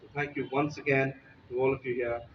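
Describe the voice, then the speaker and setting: A man, an insurance executive, giving a measured, formal speech at a signing ceremony. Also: medium pitch, flat delivery, far from the mic, lo-fi sound, heavy background noise. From Pakistan.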